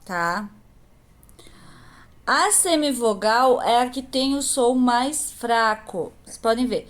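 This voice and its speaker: Speaking slowly in a fairly high voice, a woman who teaches primary school patiently explains a grammar point to young learners, asking questions and answering them herself.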